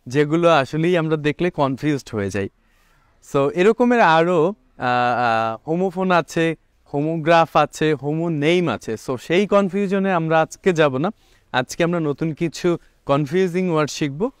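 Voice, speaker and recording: A man teaching a video lesson on confusing English words, explaining slowly, repeating points and asking then answering his own questions. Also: on the high side, dry recording.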